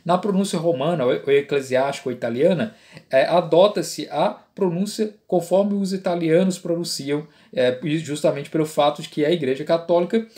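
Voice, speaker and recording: Brazilian man, Latin teacher, explanatory lecture, adds tag questions, somewhat high voice. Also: normal speed, mellow. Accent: Brazilian Portuguese. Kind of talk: online lecture.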